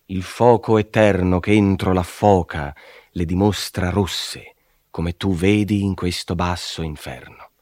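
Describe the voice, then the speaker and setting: A man voicing a wise elder poet who guides a traveler, speaking in a measured, solemn and reassuring way, in a dramatic poetry reading. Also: low voice, steady tone, a little mellow, no echo.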